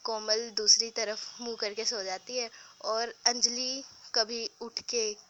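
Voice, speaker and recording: Young female storyteller, slightly high, bright tone, does all the character voices herself. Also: level tone, slow pace, lo-fi sound, slight background noise. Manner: narrates and voices all characters in the same voice, with restarts. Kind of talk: casual spoken storytelling.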